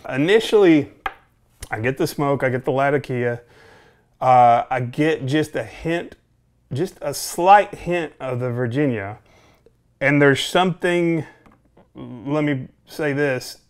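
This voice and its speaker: Man musing through a casual review. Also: mid-range voice. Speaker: pipe tobacco reviewer. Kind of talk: casual unscripted product review to camera. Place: small home office, indoors.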